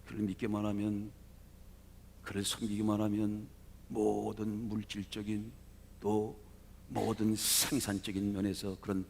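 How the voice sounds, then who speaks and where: A man preaching a Sunday sermon as pastor, telling the story dramatically with sudden swings between loud and quiet. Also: fairly low pitch, slight background noise. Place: church sanctuary. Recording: reverberant church hall.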